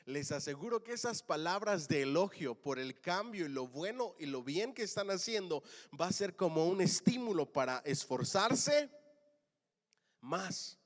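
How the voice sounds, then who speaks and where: A man preaching a sermon as pastor, calling the congregation to answer back and swinging between loud and soft lines. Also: sits high, big pitch swings, a little slow, in a large hall. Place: church.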